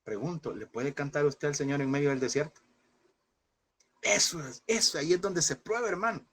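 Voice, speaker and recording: Fervent male preacher, high-pitched. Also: moderate pace, a bit bright. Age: 30s. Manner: fervent, addresses listeners as "hermano". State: emotional, speaking through grief. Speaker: seminary teacher and preacher. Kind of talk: impassioned sermon-style class.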